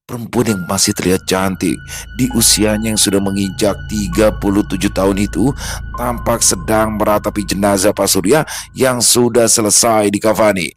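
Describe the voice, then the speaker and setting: A man narrating a horror story in a steady, measured storytelling voice. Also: on the low side. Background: faint background music.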